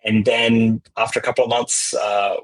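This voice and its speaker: A man's voice: lowish voice, flat delivery, moderate pace, poor audio. A middle-aged man with an Australian accent, speaking as a guest in a podcast interview, talkative and prone to restarting his sentences. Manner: talkative, many restarts and repeated words. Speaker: guest, cybersecurity vendor executive.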